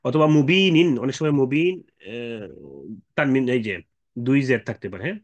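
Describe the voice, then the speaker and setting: A man's voice: mid-range voice, lively intonation, highs cut off. Man patiently teaching Quran recitation. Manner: explains patiently with frequent fillers and checking questions; slow drawn-out chanted Quranic recitation examples. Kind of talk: explanatory tajweed lesson.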